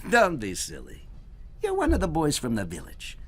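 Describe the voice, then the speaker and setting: A bold, cheeky storybook hero shrieks in a high, shrill voice, as a man reads him out. The tone is bright, and the pitch leaps around. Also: wildly swooping pitch, moderate pace, breathy edge, exaggerated voice. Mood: mocking.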